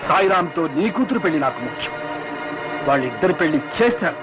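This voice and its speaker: A stern old judge. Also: male voice, high voice, sing-song, fast. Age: older. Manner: stern, reproachful. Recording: dull film audio with music score.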